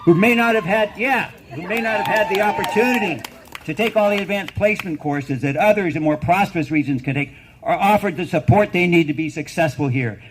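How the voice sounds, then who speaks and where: Man giving an emphatic rally speech, higher-pitched voice. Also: noisy background. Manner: emphatic, deliberate, with repeated phrases and rhetorical questions. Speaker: university professor speaking at a rally.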